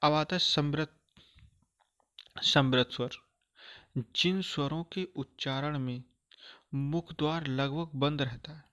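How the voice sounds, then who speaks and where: A man's voice: fairly high pitch, fairly even intonation, a bit bright. Man teaching, repeating himself patiently. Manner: repetitive, calls listeners "friends", checks understanding often; slows down to sound out vowels. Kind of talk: explanatory grammar lesson.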